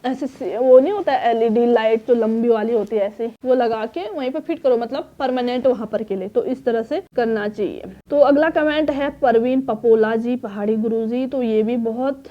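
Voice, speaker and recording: Boutique lady in her 30s doing a q&a to her phone, chatty and advising, clears her throat a lot, slightly high warm voice, kinda dull lo-fi sound. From Uttarakhand, India. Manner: chatty and advising, reads comments aloud, pauses to cough and clear throat. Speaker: boutique owner and YouTuber answering viewer questions. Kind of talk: casual Q&A talk to camera. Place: small home boutique shop, indoors. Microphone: phone on a tripod.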